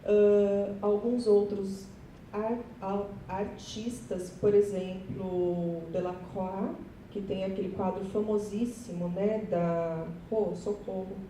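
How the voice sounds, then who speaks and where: A woman's voice: flat delivery, slow pace, mellow. A woman teacher with a Brazilian Portuguese accent presents her class project to fellow teachers, chatty and nervous, often turning to the audience. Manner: nervous, chatty, self-deprecating, addresses audience. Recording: echoey hall, voice from far off, faint rumble.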